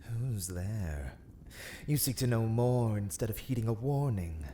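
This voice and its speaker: Stern and warning, a man performs a haughty, menacing vampire lord for a dark ASMR roleplay, his speech formal, archaic, and deliberate. The voice is on the low side and expressive, with a little background noise.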